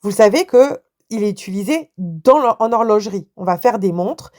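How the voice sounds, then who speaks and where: A woman's voice: mid-range voice, lively intonation, normal speed, a little mellow. Upbeat woman, solo podcast host, chatty and informal. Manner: enthusiastic, chatty, with frequent fillers and restarts. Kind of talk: casual solo podcast talk.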